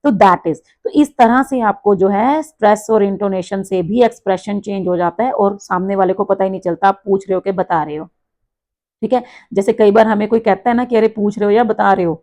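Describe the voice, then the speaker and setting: A woman teacher explaining an English lesson in Hindi, reading example sentences slowly with marked stress and intonation. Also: medium pitch, darkish tone.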